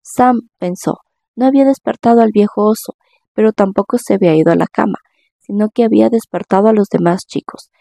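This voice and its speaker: A woman's voice: mid-range voice, brisk, creaky, warm tone, no echo. A woman from Latin America narrating a fantasy audiobook, reading every character's lines in her own voice with small shifts.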